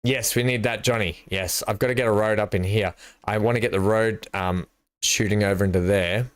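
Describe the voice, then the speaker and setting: A man with a lowish, clean-toned voice talks briskly while streaming a building game. Relaxed, he thinks out loud and mumbles over his placement choices, in a studio-quality recording with no room sound.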